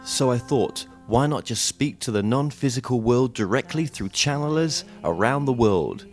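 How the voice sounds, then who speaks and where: A man's voice: mid-range voice, lively intonation, moderate pace. A man narrates a documentary series with an earnest, questioning tone, in a mid-range voice. Faint music runs underneath the voice-over.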